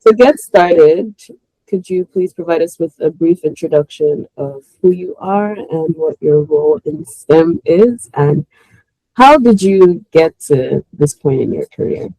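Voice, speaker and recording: A man asking interview questions in a polite, measured way. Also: a little high, animated, dark tone, dry recording, poor audio.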